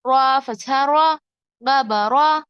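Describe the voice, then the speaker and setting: A woman teaching Quran reading, spelling out letters and syllables in a slow, deliberate drill. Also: high-pitched, no room sound, lo-fi sound.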